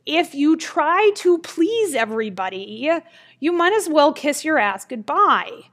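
A woman marketing speaker telling a fable in an animated, emphatic way before turning to a motivational talk. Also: high voice, measured pace. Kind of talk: storytelling, then a motivational talk.

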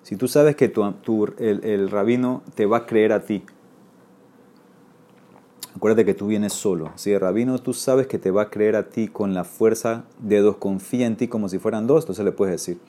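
Warm in tone and fairly low in pitch, a man speaks at a moderate pace while teaching a Talmud class. After reading Aramaic, he explains it in Spanish, repeatedly asking his listeners "¿ok?".

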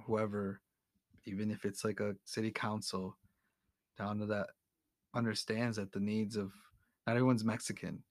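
Low creaky guy chatting on a podcast, kinda hesitant, lots of ums, dry close sound. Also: no room sound. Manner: hesitant, many fillers and restarts; candid, opinionated. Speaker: podcast guest. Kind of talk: casual interview conversation.

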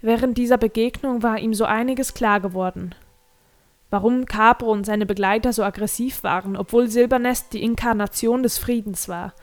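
A woman narrating a fantasy novel in a calm, measured reading voice. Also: a little high. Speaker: audiobook narrator.

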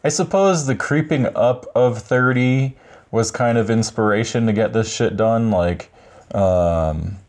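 A man in his thirties with a low voice co-hosts a podcast in casual chat. He rambles easily and often pauses to hunt for words. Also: a little mellow. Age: 30s. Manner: laid-back, rambling, hesitant with fillers. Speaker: podcast co-host.

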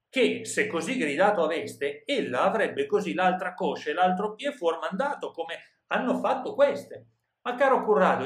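A man reading a scared, quick-witted servant cook. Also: on the high side, reverberant, pitched above the performer's own voice. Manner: read aloud in old literary Italian, raised voice.

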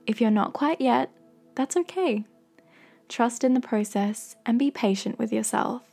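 A woman with a soft, breathy voice gently and slowly guiding a meditation in soothing, encouraging scripted narration. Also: on the high side, soft background music. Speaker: guided meditation host.

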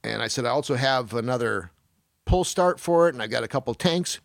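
A man's voice: mid-range voice, lively intonation, fairly quick, gravelly, no room sound, clean studio sound. A man in his sixties hosting a casual podcast, rambling through stories, swearing freely and acting out what people said. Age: 60s. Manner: rambling storyteller, swears freely, acts out quotes. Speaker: podcast host.

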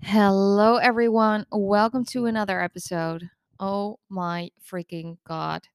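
Speaking unhurriedly in a smooth, steady, mid-range voice, a woman in her thirties hosts a casual solo podcast on eating disorder recovery, where she works as a coach. She's congested with the flu but stays candid, chatty and self-deprecating. No room sound is audible.

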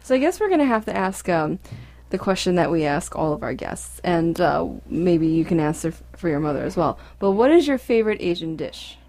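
A woman's voice: on the low side, very animated, brisk, dark tone. A young woman hosting a casual radio chat, chatty and laughing often. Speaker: host.

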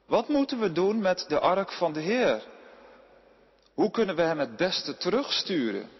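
A man reading a Bible passage aloud at a steady pace, now and then correcting a slipped word. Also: fairly high pitch, slightly rough, big-room sound, muffled recording. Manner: steady reading with occasional slips and self-corrections. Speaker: scripture reader.

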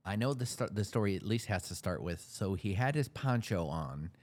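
Deep-voiced guy doing a cheeky interview, teasing his guest, low rumbly voice. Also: lively intonation, normal speed, darkish tone. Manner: teasing, mimics others in playful quotes. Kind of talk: frank casual interview.

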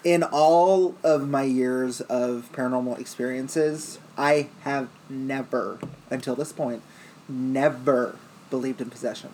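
Man, casual talker, joking manner, mid pitch, light background noise. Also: slow pace, a little mellow, rough recording. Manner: joking, chatty. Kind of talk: casual chat.

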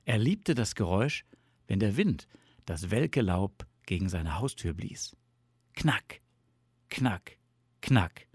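Man reading a children's story, slow, breathy, lively melody, dry close sound. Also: lowish voice, no echo. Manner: soft, lulling with sound words. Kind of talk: scripted storybook narration.

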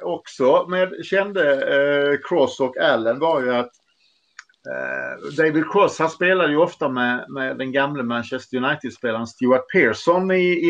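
A man's voice: a little high, vocal fry, fairly bright tone, highs cut off. A man telling football anecdotes in a casual, hesitant way, with many fillers and restarts. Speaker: podcast storyteller.

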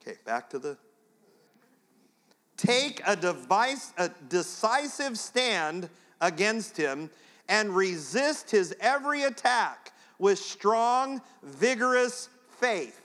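A man's voice: high voice, big pitch swings, slow, sharp tone, long reverb tail. A man preaching a sermon as pastor, chatting straight to the congregation in a conversational way.

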